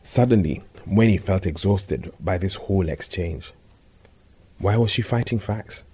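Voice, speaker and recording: A man reading a story aloud in a measured, scripted narration. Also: low voice, warm tone, slightly rough.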